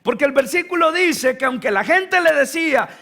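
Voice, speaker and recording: A male pastor delivering a sermon, building to fervent shouts and asking the congregation rhetorical questions. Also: very high-pitched, lively intonation, moderate pace, gravelly.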